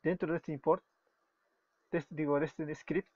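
Speaking at normal speed, a man from Peru with a Peruvian Spanish accent teaches web development through a screen-recorded coding tutorial, going step by step, correcting himself and often apologizing. His fairly high voice has a steady, darkish, slightly rough tone. The recording is dull and lo-fi with keyboard typing and no room sound.

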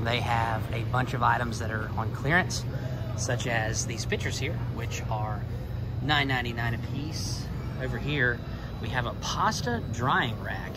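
A man's voice: medium pitch, heavy background noise. A man narrating a casual walking tour of a big store on a handheld phone, pointing things out as he goes. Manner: upbeat, points things out as he walks. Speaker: vlog host. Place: large store, then indoors in a car. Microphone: handheld phone camera. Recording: loud music behind the voice.

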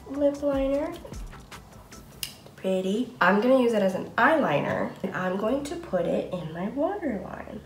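A woman in her late twenties chatting casually through a makeup tutorial, narrating each step in a friendly way. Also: mid-range voice. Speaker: makeup vlogger. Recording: echoey room, faint music behind.

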